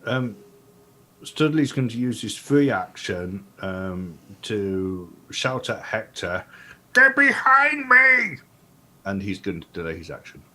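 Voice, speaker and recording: A man playing in a tabletop game, thinking out loud through spell rules and his moves. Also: deep voice, measured pace. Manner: checks rules and plans spell moves aloud. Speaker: player.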